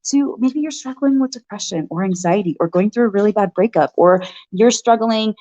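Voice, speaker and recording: A woman's voice: mid-range voice, a little fast, mellow, highs cut off. A woman in her thirties talks straight to her viewers in a loose, chatty vlog. She runs a farm and breeds dogs, and keeps checking in with "y'all" and "right?" as she goes. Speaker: farm owner and dog breeder vlogger. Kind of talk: casual vlog talk to viewers.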